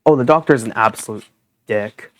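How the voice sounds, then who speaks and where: A man's voice: medium pitch, brisk, fairly bright tone, no echo. A man live-streaming a game, chatting casually with swearing and rambling asides.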